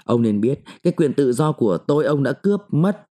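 A male narrator voicing a sharp-tongued, defiant mandarin's wife who scolds and taunts her husband. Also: mid-range voice, sing-song, brisk.

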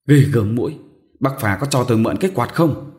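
A man's voice: mid-range voice, sing-song, moderate pace, a little mellow, lightly acted. A man voicing a grumbling, impatient old village midwife in a storybook reading. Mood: scolding. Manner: scolding, impatient.

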